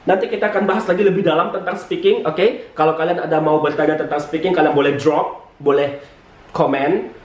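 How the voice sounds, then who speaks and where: A man teaching English in a casual, chatty way at a whiteboard, mixing English words into his talk and jumping up in pitch for emphasis. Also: steady tone, fairly quick, a little mellow, distant mic. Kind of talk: casual spoken lesson at a whiteboard. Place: room with a whiteboard. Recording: echoey room.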